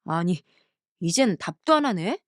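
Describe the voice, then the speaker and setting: Dismissive, snappish husband, read by a woman, lively delivery, dry close sound for a story cartoon. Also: on the low side, unhurried, no echo, voice pushed down. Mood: irritated. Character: irritable, dismissive young husband.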